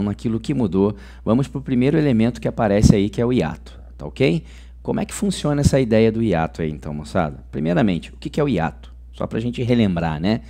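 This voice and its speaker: A Brazilian man teaching grammar in a chatty, informal way, often checking in with his students. His voice sits low and sounds warm and dark. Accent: Brazilian Portuguese. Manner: chatty, says "ok?" and "moçada" often. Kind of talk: online grammar lesson.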